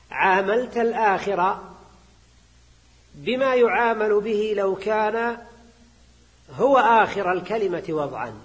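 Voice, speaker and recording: High-voiced sheikh in an echoing hall. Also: male voice, a bit bright. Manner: repeats phrases and quizzes students with quick questions. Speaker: sheikh teaching grammar. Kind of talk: classroom lecture, reading a text then explaining it. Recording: reverberant lecture hall.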